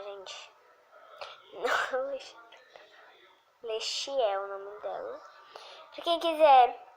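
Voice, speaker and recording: A slightly high-voiced woman with a Brazilian accent talks her way through a video game in an unhurried, easy drawl. Her commentary wanders between quiet muttering and sudden squealing excitement. A faint hiss of noise sits under the recording. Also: rough recording. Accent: Brazilian Portuguese. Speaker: gaming video host. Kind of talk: casual gameplay commentary.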